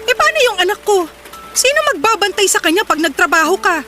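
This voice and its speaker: An actress playing a tired working mother in a radio drama, scolding and sarcastic as she shouts at her partner. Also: very high-pitched, sing-song, quick pace, full character voice. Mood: angry scolding. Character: sharp-tongued working mother, exhausted and scolding. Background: music bed.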